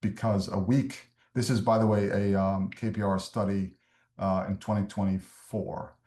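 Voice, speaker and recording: A man from Somalia speaks in a low, dark voice, laying out points in a measured, explanatory way with frequent ums. He sounds like he is in a roomy, echoey space. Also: flat delivery. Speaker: refugee services speaker. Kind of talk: webinar presentation.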